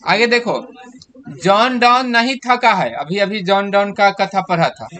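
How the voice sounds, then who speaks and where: A man's voice: sits high, a little slow, pushed and bright. A man, teaching a class and walking students through exam answers by asking them questions. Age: 30s. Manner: explains step by step, quizzing students with questions.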